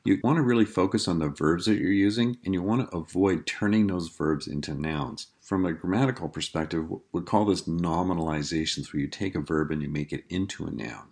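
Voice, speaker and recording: A man teaching a lesson on clear, concise writing, explaining each technique in a measured way and reading example sentences aloud. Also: sits low, a little mellow. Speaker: writing instructor. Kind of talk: scripted lecture on writing.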